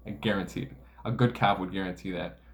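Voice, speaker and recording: A man's voice: low voice, fairly even intonation, fast talker. A man speaking as a veteran police officer, giving casual explanatory commentary in a blunt, profane way. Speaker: police officer breaking down a DUI arrest video. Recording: roomy echo, faint background noise.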